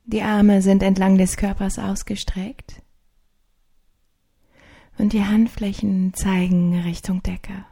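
A woman narrating a guided sleep meditation in a soft, hushed, soothing, partly whispered voice with long pauses, like a sleep story narrator. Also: medium pitch, little pitch movement. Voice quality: soft, breathy.

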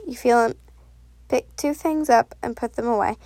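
Woman narrator, soft and unhurried, vocal fry, fairly high voice, dry close recording. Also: dry recording. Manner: soft, unhurried reading with self-corrections. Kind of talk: second-person audio story reading.

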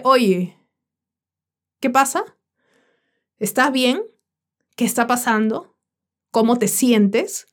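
A woman hosting a podcast, talking slowly and frankly in a reflective, colloquial monologue. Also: a little high. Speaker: podcast host.

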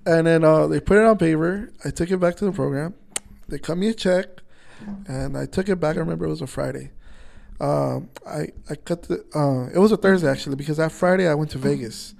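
Gravelly man telling a story. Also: on the high side, brisk, a little mellow. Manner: swears freely and acts out quoted dialogue. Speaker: podcast guest, truck driver. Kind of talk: casual storytelling.

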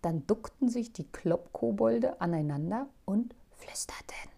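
A woman reading a children's story aloud in an expressive, playful way. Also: mid-range voice, a little slow, vocal fry, slight background noise.

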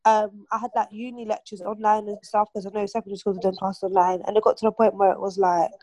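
A woman's voice: mid-range voice, flat delivery, quick pace, warm tone, no room sound. Young woman, casual group chat, rambling and filler-heavy, close dry sound. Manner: chatty, many fillers and restarts. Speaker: aunt and mother of a toddler.

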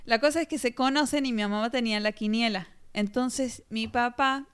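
A woman from Argentina in a casual chat, telling family stories in a relaxed, measured way with frequent tag questions. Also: a little high, clean tone.

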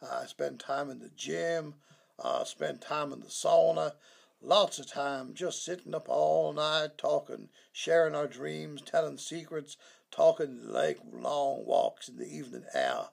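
Gravelly fugitive preacher on speakerphone, as a performer puts him on. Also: mid-range voice, a little slow. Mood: smug. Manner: stammering, smug, patronizing. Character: sleazy, evasive fugitive male preacher. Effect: heard over a speakerphone. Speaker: caller. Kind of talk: comedy sketch.

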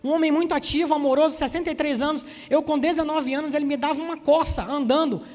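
There's a big-room sound to this sermon from a Salvador, Bahia preacher in his forties, whose extremely high-pitched voice moves quickly. With a Bahian Brazilian Portuguese accent, he shares stories from his own life and speaks directly to the congregation, adding lively asides.

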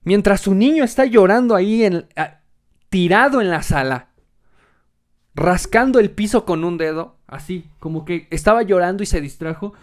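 A man's voice: high-pitched, expressive, moderate pace. A man hosting his own comedic monologue podcast, sarcastic and profane. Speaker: podcast host.

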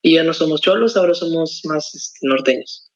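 A man's voice: on the high side, normal speed. A young man from Mexico chatting on a podcast in an easygoing, joking, slangy way. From Ciudad Victoria, Mexico. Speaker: podcast co-host. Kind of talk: casual podcast chat. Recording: slightly muffled lo-fi sound.

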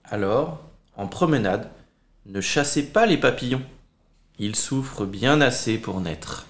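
Male storyteller for kids, lots of melody in the voice, expressive. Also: mid-range voice, takes it slowly. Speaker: children's storyteller and co-host. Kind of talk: expressive children's story narration.

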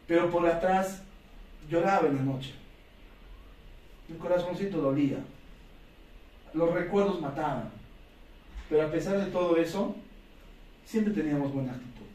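A man's voice: on the high side, normal speed, pauses often, a little mellow. A man giving a motivational talk to a sales team, telling stories and acting out quoted voices. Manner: storytelling, acts out quoted voices. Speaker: motivational speaker for a sales business. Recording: echoey room, distant mic.

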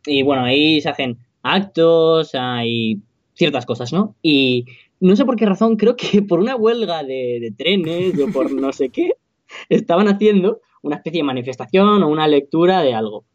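A young man tells a story as a podcast co-host, relaxed and chatty. His voice sits a bit high for a man. The recording is dry and somewhat dull, lo-fi. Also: moderate pace, dry recording. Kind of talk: casual chat.

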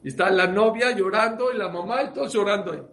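A man, preaching as a rabbi, who tells a story with lively voiced dialogue. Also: high-pitched, quick pace. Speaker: rabbi giving a talk. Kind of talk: sermon story.

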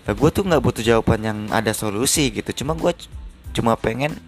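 A man's voice: mid-range voice, expressive, fairly quick, breathy edge, faint music behind. A young man, telling a story to his viewers in a chatty, slangy way full of fillers. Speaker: vlogger.

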